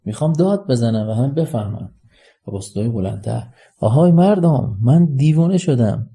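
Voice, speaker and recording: A man voicing a lovesick, impulsive young man who declares his feelings loudly, read in an audiobook story. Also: fairly low pitch, animated, creaky, breathy edge, exaggerated voice. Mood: elated. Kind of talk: audiobook character reading.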